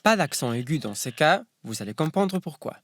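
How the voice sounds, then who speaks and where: Wry Spanish man, lively scripted narration. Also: on the high side, normal speed, a little hiss or hum. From Spain. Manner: wry, teasing, ironic.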